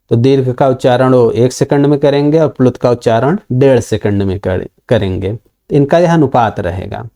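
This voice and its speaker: A man gives a recorded online lesson in a mellow, darker voice at a medium pitch. He talks patiently and walks through each verse line by line. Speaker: Sanskrit grammar teacher.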